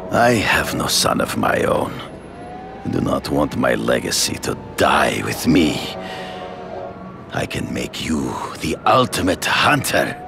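An imposing, proud hunter in a video game. His voice is extremely deep and gravelly, and he speaks slowly and grandly, with formal, solemn weight. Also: full character voice. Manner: deliberate, grandiose, formal phrasing.

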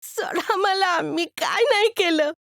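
A woman voicing a scrappy, defiant young street boy who shouts in rustic speech. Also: very high-pitched, slow pace, no room sound, studio quality, pitched above the performer's own voice, exaggerated voice.

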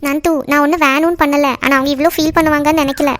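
A woman's voice: sits high, steady tone, quick pace, a bit bright. A woman voicing an earnest teenage younger sister in a cartoon, coaxing and persuading.

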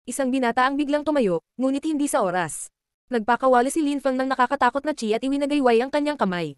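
A woman narrating a martial-arts web novel chapter aloud, reading rapidly and evenly. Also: high voice, expressive, smooth, no room sound, clean studio sound. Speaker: audiobook narrator.

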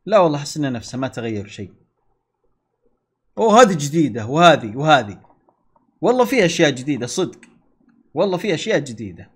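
A young man giving excitable gameplay commentary to his viewers and yelling at other players. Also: a little high, quick pace, pauses often, slightly rough. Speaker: gaming channel host. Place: at home playing on a console.

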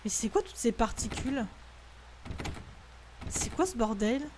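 High-pitched woman, jumpy horror-game streamer, tense and cursing, noise under the voice. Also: lively intonation, a little slow. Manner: jumpy, swearing then apologizing. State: frightened, tense. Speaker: gaming streamer. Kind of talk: horror game let's play.

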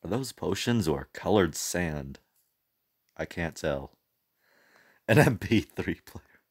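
A young man with a low voice reacts to a video from his home mic. He chats loosely, laughs at his own slips and pokes fun at himself. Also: animated, slow pace, breathy edge. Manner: chatty, self-mocking, laughs often. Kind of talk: casual reaction commentary.

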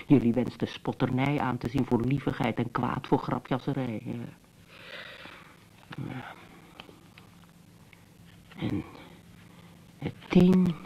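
An actor playing a bitter, teasing brother who muses to his sister in a slow, mocking monologue, in old radio drama style. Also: mid-range voice, creaky, mellow, slightly rough, rough recording. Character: wry, bitter adult brother, teasing yet tender. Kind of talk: 1970s Dutch radio drama acting.

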